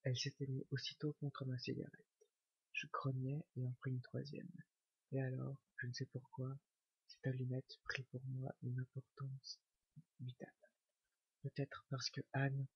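A man giving a whispered ASMR reading of a novel, slow and hushed. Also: medium pitch, completely flat delivery, gravelly, husky, no room sound. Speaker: ASMR reader. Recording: dull lo-fi recording.

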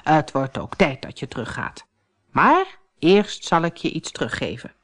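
A woman voicing a kindly old woman with a hoarse voice in a storybook tale, speaking gently and reassuringly. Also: low-pitched, big pitch swings, normal speed. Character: ugly old woman, kindly magical housekeeper. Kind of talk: storybook character voice.

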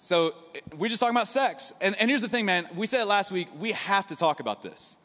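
A man in his thirties preaches from a large auditorium stage, holding a handheld mic. His voice sits high for a man, and his conversational delivery is full of asides. The sound carries a long hall reverb. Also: brisk. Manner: energetic, conversational preaching with asides and rhetorical "right?". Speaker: pastor. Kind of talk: sermon.

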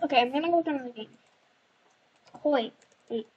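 A young female gamer chatting excitedly while playing, chanting words and breaking into screams. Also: high voice, moderate pace, highs cut off, faint music behind. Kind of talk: casual gaming chat.

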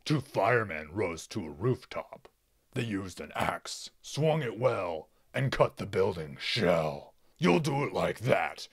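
A man's voice: very animated, takes it slowly, husky, heavily acted. Piglord, a man doing a roaring pig lord. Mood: gloating, commanding. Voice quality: deep roaring boar voice. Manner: bossy, commanding, gleeful. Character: gloating greedy fat pig lord, booming.

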